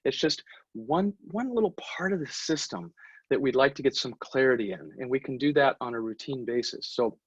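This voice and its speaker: Man, dentist lecturer, husky voice, lively intonation, dull dry webinar audio. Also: medium pitch, normal speed, dry recording. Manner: animated, acts out office dialogue in stories. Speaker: dentist giving a continuing-education talk. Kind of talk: online lecture with storytelling. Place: at home, away from the office. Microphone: webinar computer mic.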